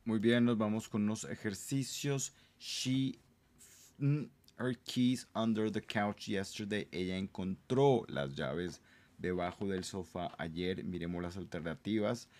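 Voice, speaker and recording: A man's voice: fairly low pitch, slow, a little mellow. A man teaching an English lesson, repeating each word and often checking in with "ok?". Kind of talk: bilingual language lesson.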